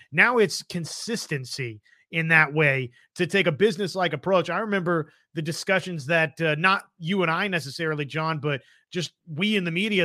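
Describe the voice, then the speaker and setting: A man's voice: a little high, bright, forceful tone, dry recording, clean studio sound. A man co-hosting a sports talk show, giving emphatic commentary and punctuating his points with checking questions. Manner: emphatic, often tags points with "right?". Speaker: sports talk show co-host, media member.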